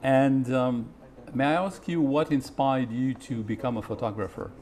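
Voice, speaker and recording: A man hosting a formal interview, speaking politely and carefully, with frequent pauses. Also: mid-range voice, darkish tone. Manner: measured and polite, with frequent hesitations.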